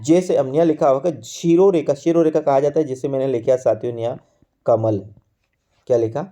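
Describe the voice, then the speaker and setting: A man teaching an exam-prep Hindi grammar lesson. He keeps asking the class questions and answering them himself, slowing down to stress key terms. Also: medium pitch, fairly even intonation, warm tone. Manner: repetitive, quizzes the class with call-and-answer questions.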